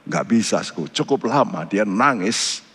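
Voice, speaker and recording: Male pastor, unhurried emphatic sermon, mid-pitched voice, echoing church hall. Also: animated, fairly bright tone, husky. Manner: emphatic, with sudden pitch jumps on key words.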